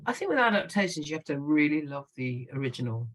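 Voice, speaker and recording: Lively middle-aged woman writer, laughing. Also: deep voice, fast, rough recording. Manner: lively, laughs often, animated storytelling. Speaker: guest writer. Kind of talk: conversational interview.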